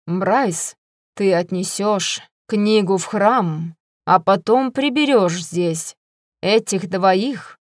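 A woman reading the part of a cold, arrogant young queen who gives slow, quiet, menacing orders in an audiobook. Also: mid-range voice, dry recording, clean studio sound. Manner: soft, slow, icy commands.

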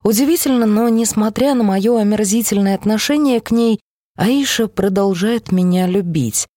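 A woman reading a first-person novel aloud, expressive and voicing each character. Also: medium pitch, moderate pace, no room sound, clean studio sound. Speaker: audiobook reader. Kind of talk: scripted first-person narration.

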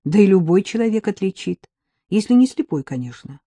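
A woman voicing a cheerful, sharp-tongued young female hairdresser who talks in a brisk, mocking way. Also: medium pitch, big pitch swings, breathy edge, no room sound.

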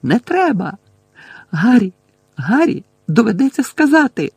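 A man reading an audiobook voices a desperate teenage schoolgirl who pleads in a high, shrill, cracked voice. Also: sing-song, measured pace, breathy edge, no echo, full character voice.

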